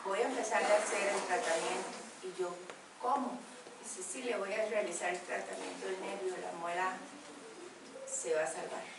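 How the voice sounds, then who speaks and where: A woman telling an emotional personal faith story, full of fillers. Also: medium pitch. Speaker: group member sharing testimony. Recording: echoey room, distant mic, background noise.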